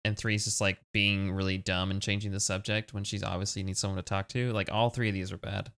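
A man's voice: lowish voice, flat delivery, fast talker, a bit bright. A man giving casual let's play commentary, reading chat choices aloud, laughing often and swearing. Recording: keyboard typing noise clearly heard. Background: keyboard clicks and typing.

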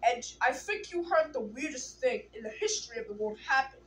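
A woman reads a children's book aloud in a plain, unhurried way, sometimes restarting a word. Her voice sits a little high. A faint hiss runs under the recording. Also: lively intonation, poor audio. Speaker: storybook reader.

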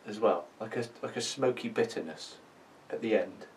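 A man's voice: on the low side, moderate pace. A British man in his twenties chatting casually and bantering as co-host of a review video. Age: 20s. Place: small indoor room. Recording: slightly distant microphone.

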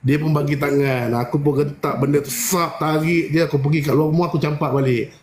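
A man's voice: brisk, a little hiss or hum. A man, a spiritual healer telling a story in casual live-stream chat and acting out the dialogue with big jumps in his voice. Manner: animated, acts out dialogue with big pitch jumps.

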